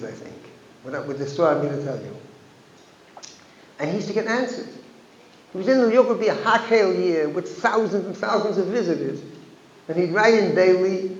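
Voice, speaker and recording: A man with a high voice tells a story at a gathering, circling back on his words and mixing in Yiddish phrases. He speaks as a rabbi addressing a congregation in a synagogue hall. The sound is muffled and lo-fi, with a roomy echo. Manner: anecdotal, with frequent restarts and Yiddish phrases. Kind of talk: storytelling talk at a community gathering. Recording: echoey hall, dull lo-fi sound.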